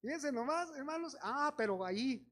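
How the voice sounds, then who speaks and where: A man's voice: very high-pitched, lively intonation, moderate pace, fairly bright tone. A man with a Mexican accent preaching a sermon, telling stories and acting out the voices of people in them while exhorting his congregation as brothers.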